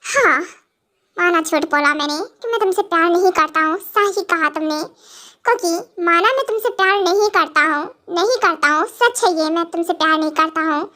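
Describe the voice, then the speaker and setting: A woman playing a stern young husband and professor in a fan audio drama. He scolds and lectures his wife in exasperation. The voice stays high and bright throughout. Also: fairly quick. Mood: scolding.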